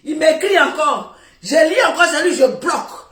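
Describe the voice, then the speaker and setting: Brief: high-voiced woman, West African French accent, live-video rant, loud and mocking, roomy echo. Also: sing-song, normal speed. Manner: loud, laughing, repetitive scolding. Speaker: social media personality. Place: seated on the floor indoors, filming herself.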